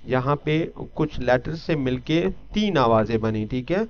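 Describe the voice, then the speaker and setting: A man teaching an English lesson, explaining step by step and often pausing to check that listeners follow. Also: medium pitch, lively intonation, slight background noise. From Pakistan. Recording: dull lo-fi recording.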